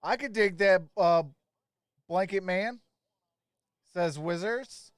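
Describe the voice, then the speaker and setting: Here a livestream host does casual play-by-play for a sports broadcast, talking informally and using viewers' names. The voice is high-pitched, clean, and slow-paced. It is captured at studio quality without any echo.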